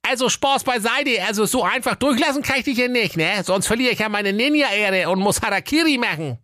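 A man's voice: high-pitched, animated, brisk, sharp tone, no room sound, studio quality, pitched above the performer's own voice. A man voicing a brash, blustering male ninja who is secretly cowardly, in a comic fairy tale. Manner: brash, insulting.

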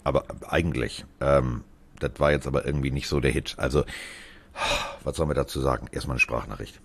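A man's voice: rumbling low, steady tone, fairly quick. A man co-hosting a casual podcast from a hospital room; his speech is slurred after facial surgery and he struggles with F sounds, joking about himself. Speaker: podcast co-host. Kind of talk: casual chat.

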